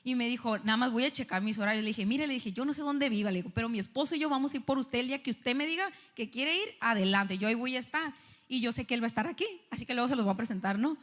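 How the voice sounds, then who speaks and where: A young woman, preaching a sermon and telling a personal story with animated, acted-out dialogue. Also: fairly high pitch, rapid-fire. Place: church stage. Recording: church hall with long reverb.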